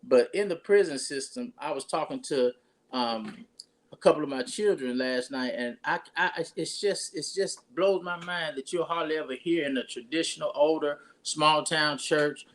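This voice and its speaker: A man's voice: a little high, normal speed, fairly bright tone. A pastor, talking casually and rambling through his introduction of a guest with many restarts.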